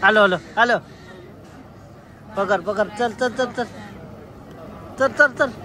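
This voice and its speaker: A young man films a casual family vlog on a handheld phone, talking in a slightly high voice. He is lively and teasing as he calls out to relatives. Faint chatter and a little background noise sit behind him. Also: slow pace. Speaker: vlogger.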